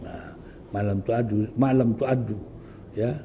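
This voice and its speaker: A man with a Sabah Malay accent delivers a religious lesson in a mellow, warm voice. He recites Arabic verses and then explains them, often pausing to ask his listeners questions. Faint noise sits under the recording. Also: on the low side, creaky, big-room sound. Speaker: religious teacher. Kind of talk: Islamic lecture explaining Quranic verses.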